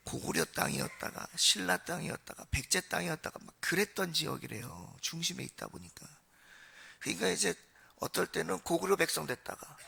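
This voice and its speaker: A man's voice: on the high side, creaky, bright, forceful tone, husky. A man from Seoul preaching a Sunday sermon in a church, telling stories in a chatty way and speaking straight to the congregation. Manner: conversational storytelling, addresses the congregation. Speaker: pastor. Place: church sanctuary.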